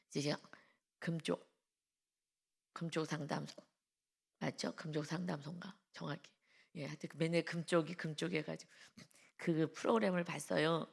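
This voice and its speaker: Gravelly low-voiced woman preaching a sermon. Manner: conversational storytelling, addresses the congregation directly. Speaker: pastor. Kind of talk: early-morning devotional sermon. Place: church.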